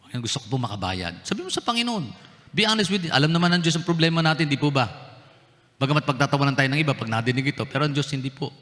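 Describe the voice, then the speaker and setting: A man from the Philippines preaches to his congregation, his bright voice ringing with a long reverb through the church hall. He slips English phrases into his sermon and keeps asking his listeners questions. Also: fairly high pitch. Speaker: pastor. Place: church sanctuary.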